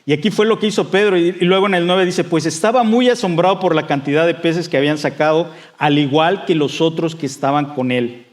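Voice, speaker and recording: A man preaching a sermon in a conversational way, with frequent fillers and restarts, and acting out quoted voices with rising excitement. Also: fairly high pitch, a little fast. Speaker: pastor.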